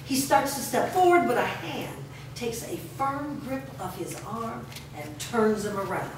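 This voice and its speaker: A woman with a voice on the high side reads stage directions as the narrator of a staged reading, expressive and a little slow. The recording comes from a distant microphone in an echoey room, sounding far off, heavily echoed and noisy.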